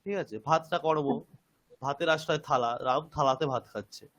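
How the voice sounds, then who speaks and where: A man's voice: a little high, moderate pace, a bit bright. A man teaching Sanskrit grammar in an online class, explaining patiently step by step.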